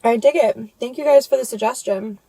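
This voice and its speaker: A woman's voice: on the high side, a little fast, gravelly, warm tone, no room sound, poor audio. An American woman giving a casual food review to viewers, talking between bites of crunchy fried chicken. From United States. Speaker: food vlogger, mukbang host. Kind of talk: casual food review chat while eating.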